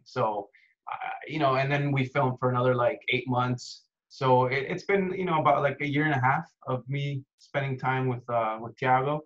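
With a medium, slightly bright voice, the thirty-something actor from Costa Rica chats easily in a video call interview, peppering his speech with "dude" and "man." The dull, lo-fi audio comes from an indoor home room that has a window.

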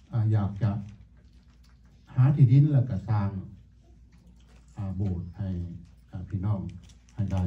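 Lao-man preaching from far off. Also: lowish voice. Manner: halting, many pauses and fillers, addresses the congregation as brothers and sisters. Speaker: pastor. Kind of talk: sermon. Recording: echoey tinny phone-like sound from far off.

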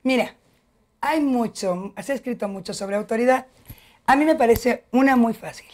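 A woman's voice: on the high side, normal speed. A middle-aged woman, a family education expert, explaining patiently as a guest on a TV talk show. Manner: warm, didactic, addresses host by name.

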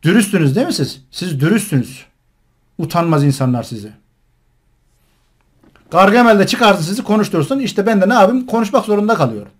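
A man's voice: sits high, expressive, fairly quick, pauses often, husky. A male online host mocking and scolding someone while commenting on a recording he plays. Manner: mocking, scornful and indignant.

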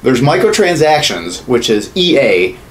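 This podcast co-host, a man in his thirties, has a medium-pitched, sing-song voice and a measured pace. He rants casually and profanely about games and movies from a small indoor home studio, and the room recording is clearly noisy.

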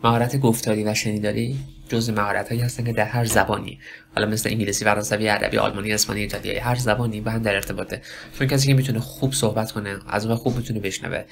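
A man teaching a spoken lesson for test preparation, talking slowly in broken phrases and asking himself questions. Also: lowish voice, flat delivery, creaky, a little hiss or hum. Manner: slow, halting delivery with many pauses and self-questions. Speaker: English test prep teacher.

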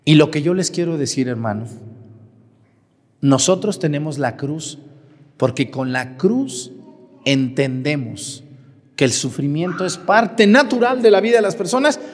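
Priest, high voice, animated joking sermon, rhetorical questions, long echoey church reverb. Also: male voice, measured pace.

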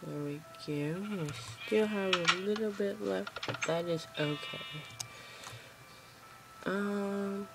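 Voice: medium pitch, slow pace, creaky, heavy background noise. A gameplay host chatting casually to viewers while playing, recorded on a phone aimed at a screen at home. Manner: chatty, rambling, talks to viewers. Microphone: phone camera pointed at a screen.

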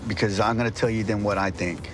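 A policeman questions a suspect, coaxing yet direct. His voice is on the low side, with music clearly behind it. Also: fairly even intonation, fast. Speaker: police officer.

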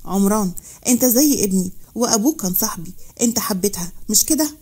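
A woman's voice: medium pitch, animated, fast talker, warm tone, husky. A woman with an Egyptian accent voicing a stern, fatherly senior army general who talks in a commanding way. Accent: Egyptian Arabic.

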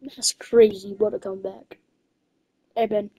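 Mellow husky woman gaming chatter. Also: mid-range voice, level tone, a little slow, rough recording. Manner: loose, slangy, chatty. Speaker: gamer. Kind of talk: casual gaming chat.

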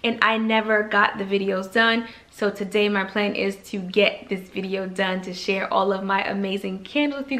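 A woman's voice: fairly high pitch, a bit bright. Gushing young woman vlogger at home. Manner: gushing, enthusiastic. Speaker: beauty vlogger. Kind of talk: casual product haul. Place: living room at home.

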